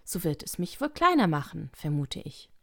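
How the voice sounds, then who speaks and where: A woman's voice: low voice, very animated, normal speed, gravelly, full character voice. A woman voicing a curious young girl who thinks aloud to herself in an audiobook. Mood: musing. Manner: talking to herself. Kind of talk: audiobook reading.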